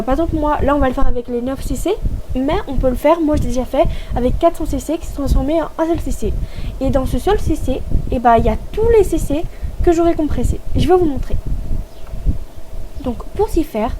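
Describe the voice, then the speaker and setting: A woman giving a casual tutorial voice-over for a video game, chatty and explanatory, pausing often to hesitate as she goes. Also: high-pitched, noisy background. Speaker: gaming tutorial host.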